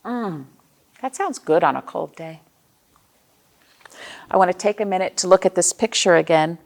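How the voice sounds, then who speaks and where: An American librarian runs a children's storytime, reading with expression and asking the young audience questions as she explains things simply. She speaks at normal speed in a fairly low-pitched voice.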